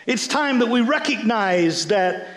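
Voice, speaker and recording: A pastor preaching a sermon, telling stories with many stammering restarts. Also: male voice, very high voice, a little slow. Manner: storytelling, animated, stammering restarts.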